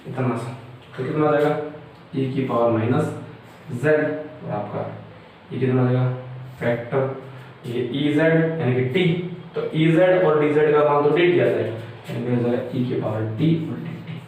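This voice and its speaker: A man's voice: mid-range voice, a little slow, pauses often, a little mellow, distant mic. Man lecturing math in a very echoey room. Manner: explains step by step, repeatedly checks with "है ना". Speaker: math teacher. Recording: very echoey room, off-mic, faint hiss.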